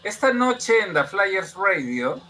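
A woman's voice: mid-range voice, very animated, takes it slowly, sharp tone, low-quality recording. A woman hosting a podcast in casual chat, reacting to her guest with short interjections. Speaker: podcast host.

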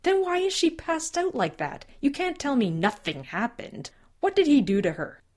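A woman voicing a furious older father who shouts and demands answers in a raised, strained voice. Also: high voice, big pitch swings, moderate pace, voice pushed up. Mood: angry.

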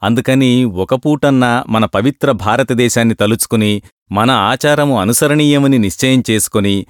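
A man narrating a humorous story in an even, measured reading voice. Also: medium pitch, dry recording, clean studio sound.

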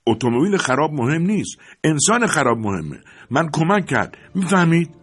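A man's voice: fairly high pitch, sing-song, breathy edge, soft background music, pitched above the performer's own voice. A man voicing an earnest immigrant factory worker who speaks in broken, pleading sentences. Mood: indignant. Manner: broken grammar, pleading and urgent.

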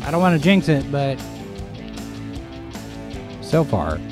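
A man hosting a live show, chatting casually through the news in a halting, digressive way. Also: medium pitch, sing-song, music in the background. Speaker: host and editor of a live show.

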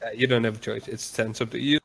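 A man narrating as game master in a casual tabletop game, with a halting, filler-heavy delivery. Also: mid-range voice, steady tone, vocal fry, fairly bright tone, poor audio.

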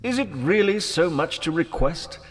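A man's voice: on the high side, expressive, normal speed, a bit bright. A man playing an imprisoned villainous mastermind in an audio drama, mocking and elaborately courteous. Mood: smooth, persuasive. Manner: theatrical, mock-courteous, elaborately formal.

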